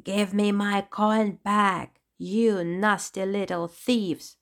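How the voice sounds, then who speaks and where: A woman voicing a hateful male clown villain in a children's audiobook, yelling with spite. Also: on the high side, slow, pitched above the performer's own voice. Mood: enraged. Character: cruel male clown villain, full of hatred.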